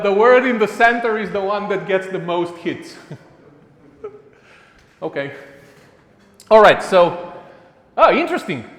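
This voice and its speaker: His voice sits high and a bit bright as this Romanian-accented man addresses a live conference audience in a casual, self-mocking manner, often restarting and using fillers. Long reverb fills the echoey hall.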